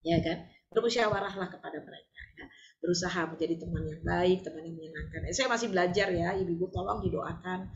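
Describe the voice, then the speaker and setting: An older woman teaching a religious study group, animated and often asking her listeners to agree. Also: on the low side, fast, reverberant, lo-fi sound, slight background noise.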